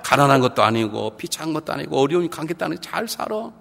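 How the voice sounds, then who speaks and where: A male pastor giving a revival sermon, animated and humorous, swinging between hushed and loud and acting out quoted voices. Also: a little high, fast, vocal fry. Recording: reverberant hall with faint background noise.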